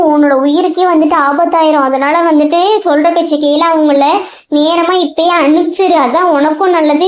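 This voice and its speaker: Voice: sits high, natural voice. Someone voicing a bossy female spirit in a cartoon who scolds and warns in a lecturing way, with a Tamil accent. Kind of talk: cartoon voice acting. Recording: roomy, dull lo-fi sound.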